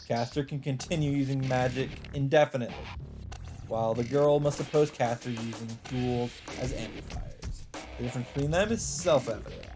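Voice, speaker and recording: Game music accompanies a let's player reading a visual novel's narration in a scripted storytelling style. His voice is mid-range and runs a bit fast.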